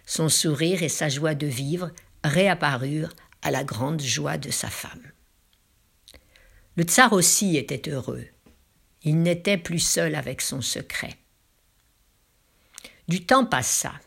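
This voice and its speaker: A woman with a low, husky, gravelly voice tells a folk tale. She takes her time, stretching phrases out dramatically and sinking into hushed whispers at key moments. The pace is unhurried throughout. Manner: drops into hushed whispers for emphasis; slow, drawn-out dramatic phrasing. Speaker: storyteller.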